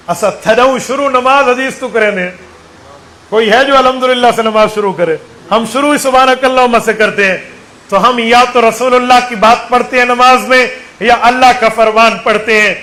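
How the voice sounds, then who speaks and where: A man's voice: very high voice, steady tone, normal speed, sharp tone, low-quality recording. A man with a Saraiki accent preaching a sermon, counting aloud and quizzing his listeners with fervent exhortation.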